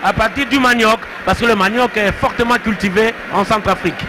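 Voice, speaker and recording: Congolese guy co-commentating football, explaining stuff, very high voice, noisy behind him. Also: fairly even intonation, a little fast. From Democratic Republic of the Congo. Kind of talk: live analysis and background commentary. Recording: noisy stadium broadcast. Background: stadium noise.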